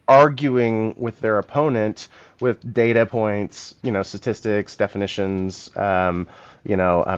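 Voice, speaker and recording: This is a man with a lowish voice, laying out his views at length in a relaxed podcast conversation. He thinks aloud as he goes and builds his points step by step. The audio is dull and lo-fi. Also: smooth. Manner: long explanatory answers, thinking aloud. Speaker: podcast co-host. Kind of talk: casual political discussion.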